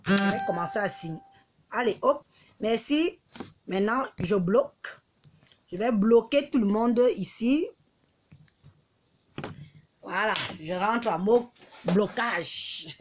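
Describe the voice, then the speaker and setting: A woman's voice: mid-range voice, takes it slowly, pauses often, noisy background. A woman, taunting and mocking her critics in a heated live-stream rant, often laughing. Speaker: livestreamer.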